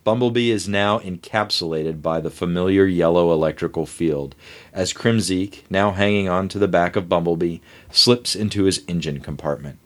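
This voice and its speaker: Deep-voiced man reading a comic script. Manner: brisk, reads panel directions, laughs between lines. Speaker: host and narrator.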